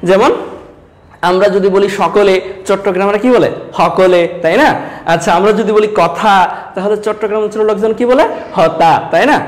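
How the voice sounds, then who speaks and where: High-voiced teacher from Sylhet. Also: male voice, fairly quick. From Sylhet, Bangladesh. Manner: repetitive questioning, addresses students directly. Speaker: Bengali teacher. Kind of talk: online class lecture.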